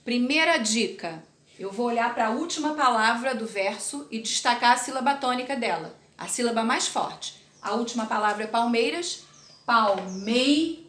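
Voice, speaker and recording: A woman's voice: a little high, moderate pace, a bit bright, reverberant. A woman teaching a recorded literature class, explaining terms step by step and checking in with her students. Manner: explanatory, checks in with tag questions.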